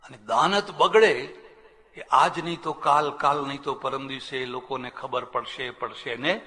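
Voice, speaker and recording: Older swami, storyteller preacher, forceful bright tone, reverberant hall. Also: male voice, medium pitch, steady tone, measured pace. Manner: folksy storytelling, acts out quoted people, chuckles. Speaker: swami giving a religious discourse. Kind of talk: spiritual discourse with anecdotes.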